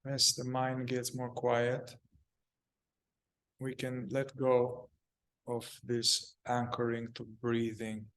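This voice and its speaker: With a mid-range voice, a man leads listeners through a meditation, offering calm, clipped phrases and long pauses between them.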